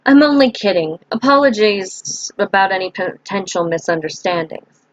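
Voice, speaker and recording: A woman voicing a courteous, smooth-talking young man who makes potions and teases a little while dodging questions. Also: medium pitch, lively intonation, normal speed, no echo, lo-fi sound, close to an everyday voice. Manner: courteous and teasing, a little evasive.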